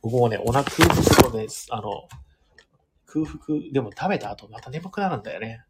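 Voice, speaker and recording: A man hosting a casual live audio stream, chatting loosely with lots of fillers and reading listener comments, his voice hoarse and fading. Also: medium pitch, lively intonation, moderate pace, heavy background noise. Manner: rambling and chatty, many fillers, talks to himself. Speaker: live audio stream host, board game venue owner.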